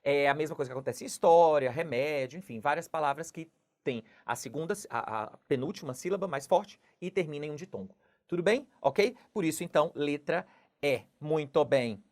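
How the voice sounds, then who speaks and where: A low-pitched woman teaches Portuguese grammar by walking through exam questions. She explains patiently and keeps checking in with the listener after each point. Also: lively intonation, fairly quick, a little mellow. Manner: explanatory, repeats "não é?" and "tudo bem?" often. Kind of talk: exam question walkthrough lesson.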